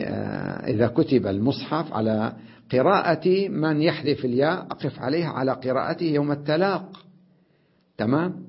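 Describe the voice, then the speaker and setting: A man teaching an Arabic grammar lesson on Quranic recitation, explaining patiently, often checking understanding and slowing down to demonstrate how words are recited. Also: mid-range voice, gravelly, husky. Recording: dull lo-fi lesson recording.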